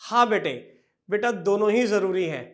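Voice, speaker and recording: In a classroom lecture, a man with a high, fairly bright voice teaches accounting, speaking fondly to his students. He asks questions and answers them himself, slowing to a drawn-out pace whenever he dictates entries.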